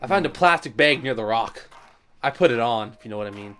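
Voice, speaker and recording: A man's voice: mid-range voice, lively intonation, fast, a bit bright, clear, resonant tone, soft background music. A young man playing a game on camera, reading its story text aloud with a dramatic touch and crude jokes in between. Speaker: let's play gamer.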